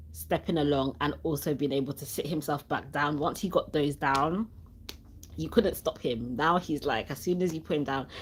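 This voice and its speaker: A woman's voice: low-pitched, a little hiss or hum. A young woman hosting a casual livestream, chatty and laughing often, reading viewer comments aloud, with a cough sweet in her mouth and a sore throat. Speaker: channel host.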